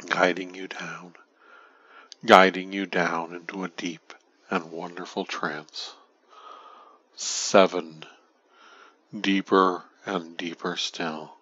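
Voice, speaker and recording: A man guiding a hypnosis induction in a slow, soothing, repetitive way that drifts into breathy, whispery phrases. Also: sits low, fairly bright tone, no echo, lo-fi sound.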